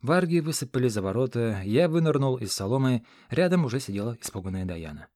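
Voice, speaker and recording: A man's voice: mid-range voice, very animated, warm tone, dry recording. Man reading a fantasy audiobook, dry sound. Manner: dramatic, measured reading. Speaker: audiobook narrator. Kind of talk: first-person audiobook narration. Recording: dry close studio sound.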